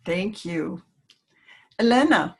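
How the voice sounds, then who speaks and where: A woman hosting an online panel discussion, introducing guests in a measured way. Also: medium pitch, lively intonation, a little hiss or hum. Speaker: panel host.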